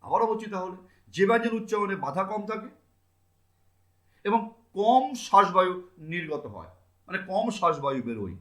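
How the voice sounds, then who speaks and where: A man's voice: sits high, animated, normal speed, long pauses, bright, forceful tone, reverberant. A male teacher giving a grammar lesson, sounding out consonants one by one, asking his students questions and answering them himself.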